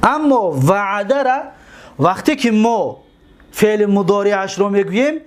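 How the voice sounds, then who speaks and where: Tajik-accented man teaching, high voice. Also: animated. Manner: drills forms slowly, asks and answers his own questions. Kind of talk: classroom lecture, explaining grammar.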